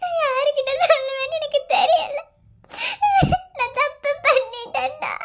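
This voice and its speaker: A woman's voice: very high-pitched, unhurried, fairly bright tone. A woman voicing a desperate, ashamed young village wife in a cartoon, with a Madurai Tamil accent and pleading, sobbing speech. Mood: tearful, pleading. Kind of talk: cartoon voice acting.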